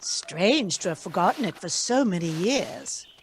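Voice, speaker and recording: A woman playing an ageless spirit, gentle yet commanding, with stately, solemn delivery in a radio play. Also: on the low side, expressive, unhurried, slight background noise. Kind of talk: theatrical radio play acting.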